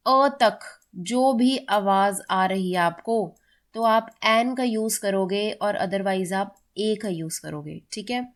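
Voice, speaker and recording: Brief: Indian woman teacher, a bit high-pitched, explaining grammar, mixes Hindi with English, says examples slowly. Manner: mixes Hindi and English, checks in with "ठीक है", slows down to read examples aloud. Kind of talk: explaining grammar in a classroom-style lesson.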